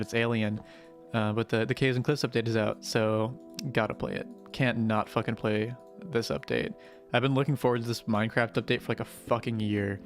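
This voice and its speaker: A young adult streamer with a roughed-up, hoarse voice, chatting casually and swearing freely while playing and talking to viewers, speaking gently to spare the voice. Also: medium pitch. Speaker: game streamer. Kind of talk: casual live-stream gameplay commentary.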